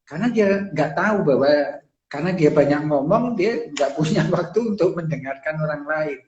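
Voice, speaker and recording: A man's voice: fairly high pitch, expressive, normal speed, a little mellow, highs cut off. Chatty man explaining in an echoey room. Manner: conversational, many fillers, acts out quoted lines. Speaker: psychology speaker. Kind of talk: casual explanatory talk on a live stream.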